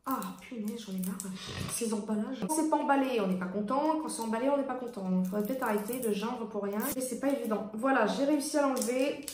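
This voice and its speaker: A woman's voice: on the high side, quick pace, darkish tone, slight background noise. A French woman chatting casually through a haul video, rambling with lots of fillers while she tries on and swatches lipsticks. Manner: chatty, rambling, frequent fillers and self-corrections. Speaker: beauty vlogger. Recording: echoey room.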